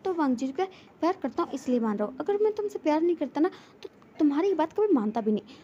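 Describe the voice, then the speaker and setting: A high-pitched woman casually retells a fan fiction story, voicing each character's lines as she goes. Her tone is mellow and dark. The audio is dull and lo-fi, with a faint hiss underneath. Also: very animated, fast talker.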